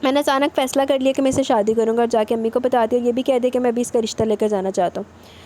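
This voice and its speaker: A woman's voice: a little high, steady tone, mellow, lightly acted. A woman voicing a brooding young husband in a romance novel reading, earnest and lecturing. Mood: confessing.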